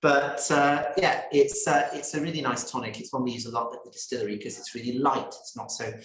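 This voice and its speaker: A man's voice: medium pitch, fairly even intonation, fairly quick, a bit bright. Chatty man hosting a gin tasting. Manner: chatty and easygoing, addresses viewers by name. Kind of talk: live online tasting talk. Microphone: video call. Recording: roomy echo on a video call.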